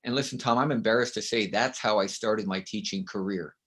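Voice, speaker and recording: A loud, middle-aged Canadian man with a fairly low voice speaks as a guest author and consultant in a conversational interview. He is emphatic and tells stories, often ending his points with a quick "right?"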